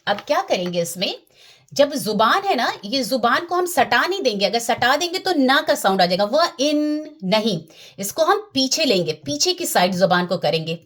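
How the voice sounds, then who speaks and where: A woman's voice: sits high, a bit bright. A woman teaching Quran recitation in a patient lesson, often checking that her listeners follow and demonstrating the sounds herself.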